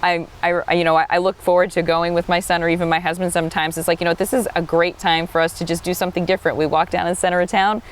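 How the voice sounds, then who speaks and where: A chatty woman interviewer with a slightly low voice. She speaks quickly in a conversational, personable style. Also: level tone, a little hiss or hum. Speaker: host interviewer.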